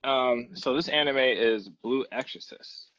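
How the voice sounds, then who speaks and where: A man hosting a casual podcast, retelling an anime plot in a relaxed way with many pauses. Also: medium pitch, lo-fi sound. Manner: relaxed, steady storyteller with many "um"s. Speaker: podcast host.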